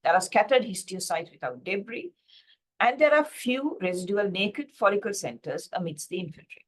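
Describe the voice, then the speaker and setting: A woman's voice: medium pitch, animated, normal speed. A woman from Sri Lanka giving a slide-based pathology lecture, explaining steadily with frequent fillers and self-corrections over a video call.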